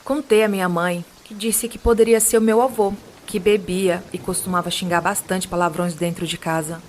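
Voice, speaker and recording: A woman with a Brazilian Portuguese accent, a podcast host calmly reading listeners' true supernatural stories aloud. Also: lowish voice, moderate pace, slight background noise.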